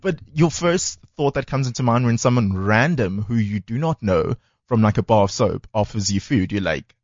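South african guy on radio, chatty and animated, mid voice, dry dull lo-fi sound. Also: medium pitch, normal speed, no room sound. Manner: animated storyteller who acts out what others said. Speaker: radio co-host. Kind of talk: casual radio chat.

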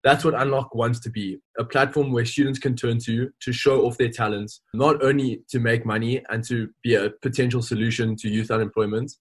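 Twenties guy, student guest, earnest, a touch raspy. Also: mid-range voice. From South Africa. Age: 20s. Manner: earnest, explanatory. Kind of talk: podcast interview.

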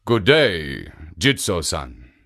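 A storyteller voicing a big, sly male ogre who speaks loudly and gruffly. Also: sits low, sing-song, takes it slowly, voice pushed down, exaggerated voice. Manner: loud, sniffing, gruff.

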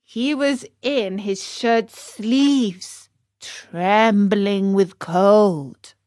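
Woman as a slow-talking sly storybook fox. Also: mid-range voice, a little mellow, no echo, studio quality. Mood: solemn. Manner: slow, drawn-out, ingratiating. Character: sly, courteous male lame fox, a smooth swindler.

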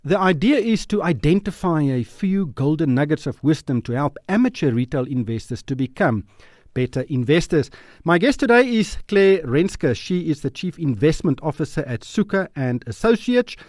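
A man's voice: a little high, big pitch swings, moderate pace, darkish tone, no echo, studio quality. A man with a South African accent hosting a podcast and interviewing a guest in a conversational way. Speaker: podcast host.

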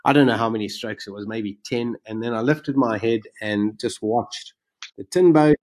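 A man telling his own survival story in conversation, animated and vivid, his voice jumping up when he relives the excitement. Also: medium pitch, moderate pace. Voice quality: self-described macabre sense of humor.

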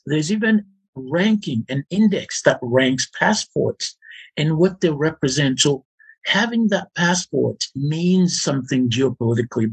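A man's voice: medium pitch, breathy edge. A man explaining his argument as an interview guest, emphatic and repeating his points for stress.

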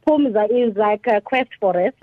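Brief: Xhosa-speaking South African woman, mid pitch, cheerful, heard through a narrow, phone-like sound. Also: moderate pace, no room sound. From Eastern Cape, South Africa. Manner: cheerful and playful. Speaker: married guest. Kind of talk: casual radio interview.

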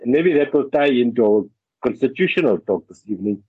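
Husky South African Indian man, radio guest. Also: mid-range voice, lively intonation, a little fast, no room sound. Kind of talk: conversational radio interview. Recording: dull, lo-fi radio link.

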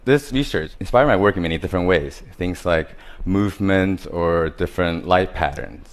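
A man's voice: sits low, moderate pace. A man from Taiwan, giving a prepared stage talk about his art in simple, listing phrases with grammar.

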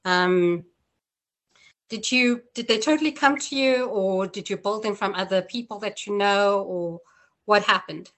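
A woman's voice: mid-range voice, a little slow, a bit bright. Give me a curious woman interviewer from South Africa. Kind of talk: conversational interview.

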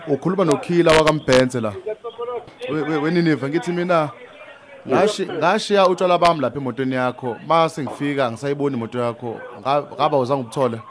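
A man's voice: on the high side, fast talker, a crowd in the background. A South African man making a prank phone call, insistent and accusing, talking over the other person. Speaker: radio prank caller.

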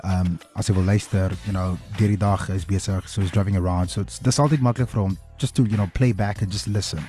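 A man's voice: low voice, steady tone, fast, dark tone. A South African man hosting a radio phone-in, switching between two languages in an impassioned, direct way and asking rhetorical questions. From South Africa, Free State. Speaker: radio host. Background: music.

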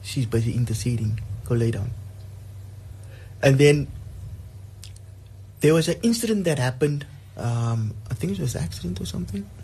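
A man's voice: medium pitch, expressive, moderate pace, pauses often, dark tone, husky, low-quality recording. A man with a South African accent giving casual devotional talk, earnest and emphatic, repeating words to drive his point home.

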